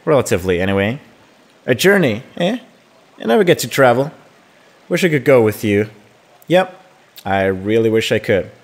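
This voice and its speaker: A man's voice: mid-range voice, very animated, moderate pace, long pauses. A man voicing a playful, sneaky young woman while reading game dialogue aloud, in a teasing, chatty way. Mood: sly.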